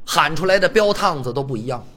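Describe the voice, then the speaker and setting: A man performing stage crosstalk comedy as the lead storyteller, telling the tale with animated delivery and now and then breaking into sing-song vendor calls. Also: fairly high pitch, fast talker.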